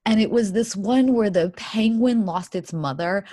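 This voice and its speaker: A woman guest in casual chat, telling animated stories full of swearing. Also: medium pitch, moderate pace, no room sound, clean studio sound. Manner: profane, animated storytelling. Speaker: podcast guest.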